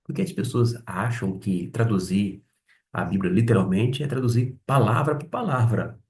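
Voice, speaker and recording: A man teaching a Bible Greek lesson, pausing to sound out and repeat words as he explains them. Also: lowish voice, darkish tone, recorded from a distance.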